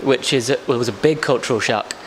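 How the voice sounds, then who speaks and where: A man's voice: mid-range voice, a little fast. English guy late 20s, talks in long explaining sentences, reverby room, faint noise behind. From England. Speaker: backpacker interviewee. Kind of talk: casual interview answers.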